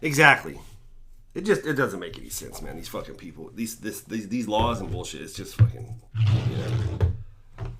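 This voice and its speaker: A man ranting on a live stream about cannabis laws, swearing constantly, and high while he talks. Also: very animated, normal speed, long pauses, pushed and bright, a little hiss or hum. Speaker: cannabis vlogger. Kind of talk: profane live stream rant.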